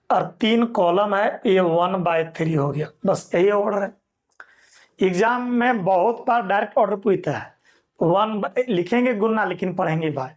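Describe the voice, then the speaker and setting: Male maths teacher, patient classroom delivery at an unhurried pace. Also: high voice. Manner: slow, patient dictation to students. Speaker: mathematics teacher. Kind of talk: classroom lecture.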